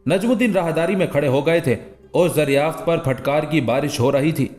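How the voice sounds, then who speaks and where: A man narrating a historical tale in a steady, measured way, his voice sitting slightly above the usual male range. Soft music plays faintly in the background. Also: a little high. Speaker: audiobook narrator. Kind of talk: scripted audiobook narration.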